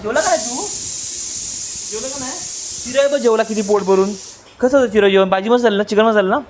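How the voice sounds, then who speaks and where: A young man in a casual family vlog, teasing his child playfully and dropping to quiet asides for the camera. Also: sits high, fast, a little hiss or hum. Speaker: vlogger.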